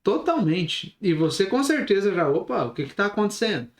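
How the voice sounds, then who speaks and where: Man, high voice, lively instructor, changes pace on purpose, echoey room. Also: brisk. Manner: lively, shifts pace and volume on purpose, asks listeners questions. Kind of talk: recorded online lesson.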